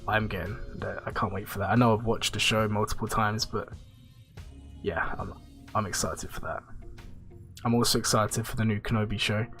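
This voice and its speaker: A streamer with a blocked nose and a nasal, mid-range voice chats casually on a gaming livestream. He answers viewers' questions in a rambling, relaxed way.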